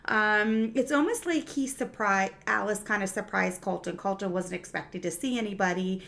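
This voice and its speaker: A woman talks through her review of a TV episode in a loose, chatty way at a middle pitch. She fills her talk with "um" and "you know", restarts her sentences and slips into quoting characters. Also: moderate pace, gravelly, a bit bright. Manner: chatty, many fillers and restarts, acts out quotes. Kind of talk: casual spoken review.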